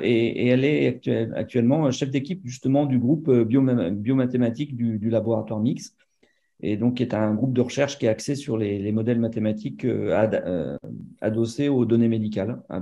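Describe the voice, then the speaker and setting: A man introducing a seminar speaker, halting, with many repeated words and fillers, over a video call. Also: medium pitch, mellow, lo-fi sound. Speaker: seminar host. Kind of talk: hesitant spoken introduction.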